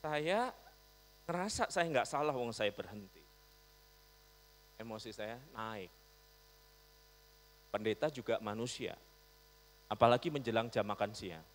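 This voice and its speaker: A male pastor preaching a storytelling sermon, animated, swinging from loud to soft. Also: medium pitch, unhurried, pauses often. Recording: long reverb, mains hum.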